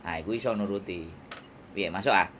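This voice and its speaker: A man's voice: deep voice, a little fast, noisy background. A man with a Javanese accent giving firm advice over a phone call, lecturing and checking if he is understood. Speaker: advisor to migrant workers.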